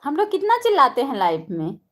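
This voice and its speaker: A woman's voice: high-pitched, wildly swooping pitch, a little fast, fairly bright tone. A woman hosting a casual live stream, chatting while doing housework and greeting viewers one by one by name.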